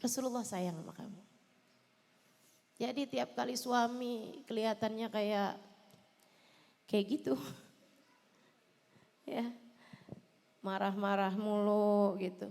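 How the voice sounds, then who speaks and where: A woman preacher, delivering an impassioned sermon straight to wives, moving between loud emphasis and soft pleading. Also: mid-range voice, fairly even intonation, slow pace, creaky, pauses often, big-room sound. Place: large hall at a religious celebration.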